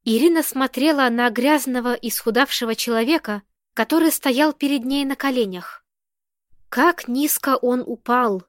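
A woman narrates an audiobook with a steady, expressive reading. Her voice sits fairly high. The recording is close and dry. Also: normal speed, no echo. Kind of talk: scripted narration.

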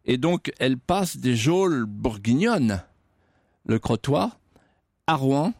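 A man of middle pitch recounts history on the radio as a guest historian, building suspense with rhetorical questions and insistent repetitions. The studio sound is close and dry. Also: big pitch swings, takes it slowly, gravelly, a little mellow, breathy edge, no room sound. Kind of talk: dramatic storytelling in radio interview.

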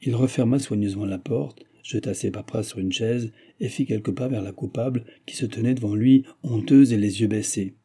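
A man narrating a classic novel as an audiobook in a measured, even manner. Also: on the low side, slightly rough. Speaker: audiobook reader.

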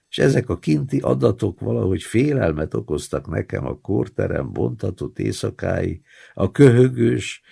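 Gravelly-voiced man reading literary fiction. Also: lowish voice, darkish tone. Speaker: audiobook narrator. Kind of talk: literary first-person audiobook reading.

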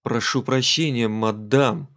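A male audiobook narrator voicing a blunt, earnest young sea captain in a mid-pitched voice. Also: normal speed, darkish tone, natural voice.

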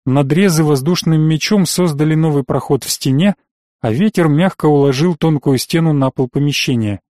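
A man's voice: a little high, normal speed, a little mellow, no echo. Man narrating a fantasy audiobook, dry.

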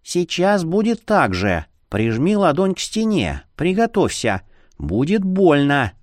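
A man voicing a tiny mosquito who is the hero's wife, squeaking urgent advice close to his ear. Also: wildly swooping pitch, takes it slowly, no echo, exaggerated voice.

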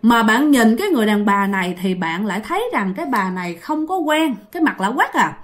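A woman's voice: fairly high pitch, sing-song, a little fast. A woman telling a ghost story in a chatty style, addressing listeners directly. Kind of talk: casual ghost story narration.

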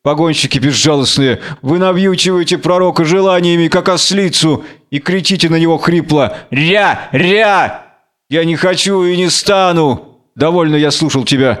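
A man's voice: a little high, normal speed, fairly bright tone, natural voice. A man voicing a blinded strongman hero, proud and wrathful, speaking in impassioned outbursts. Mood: proud anger.

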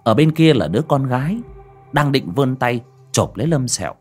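A man narrating a horror story in a dramatic, animated manner. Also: mid-range voice, brisk, slightly rough, soft background music. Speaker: audiobook narrator.

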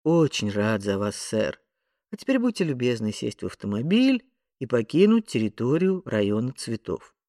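A man voicing a stiffly polite English police officer in an audiobook, quiet and coldly courteous. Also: mid-range voice, very animated, normal speed, dry recording, clean studio sound.

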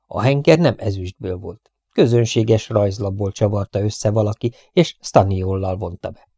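A man narrating an audiobook in a calm, measured reading. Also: fairly low pitch, dry recording, clean studio sound.

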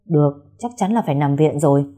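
A woman voicing a practical female hospital doctor who speaks in a brisk, matter-of-fact way. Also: low-pitched, expressive, mellow.

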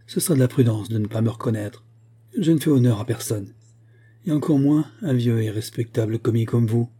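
A man's voice: medium pitch, brisk, warm tone, slightly rough, lightly acted. A man voicing a bitter, commanding middle-aged man who speaks with mocking scorn.

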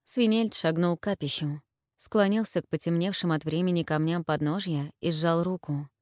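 A woman narrating an audiobook in a measured, even storytelling manner. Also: fairly low pitch, dry recording, clean studio sound.

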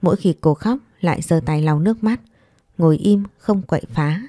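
A woman host narrating a romance story in a calm, even storytelling manner. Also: on the low side, normal speed, dry recording, studio quality.

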